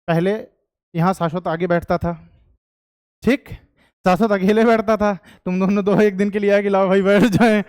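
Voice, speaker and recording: A man's voice: high voice, a little mellow, no room sound, clean studio sound. Joking Indian man teaching a class. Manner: jokey, mixes Hindi and English, asks the class questions. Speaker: history teacher. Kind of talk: classroom lecture. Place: classroom with students.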